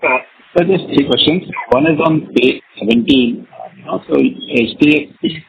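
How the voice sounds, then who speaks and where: A man, an analyst, asking questions over a conference-call phone line, halting with many fillers. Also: on the high side, gravelly. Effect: over the phone, audio cutting out. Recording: muffled phone line with faint noise.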